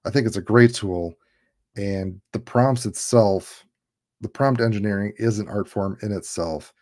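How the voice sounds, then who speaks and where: Speaking through a headset on a video call from his home room, a livestream host in his thirties keeps things laid-back and jokey, laughing often. His voice is fairly low and darkish, his pace unhurried.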